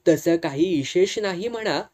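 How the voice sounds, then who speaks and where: A reader voicing a calm, blunt older man messenger speaking rural dialect. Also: mid-range voice, normal speed, natural voice.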